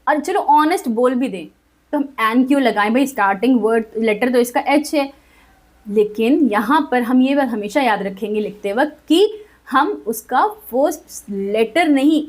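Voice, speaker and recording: A woman's voice: fairly high pitch, poor audio. A woman with an Indian English accent, a Hindi speaker, teaching a grammar lesson and explaining patiently while asking and answering her own questions. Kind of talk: classroom-style grammar lesson.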